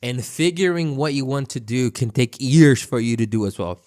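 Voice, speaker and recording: A man's voice: mid-range voice, expressive, moderate pace, darkish tone. A man with a Brazilian Portuguese accent giving casual, blunt reaction commentary, cutting in with exasperated, sweary asides. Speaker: reaction streamer.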